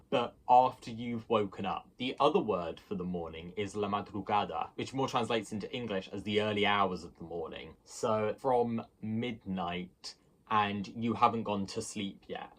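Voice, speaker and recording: A man with a lowish voice gives a casual language lesson to camera. He explains things patiently and slows right down whenever he pronounces a foreign word. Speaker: language teacher.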